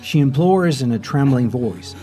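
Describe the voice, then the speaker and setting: Man narrating a dramatic true story over soft music. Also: mid-range voice, lively intonation. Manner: measured, dramatic storytelling delivery. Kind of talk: scripted documentary narration. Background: faint background music.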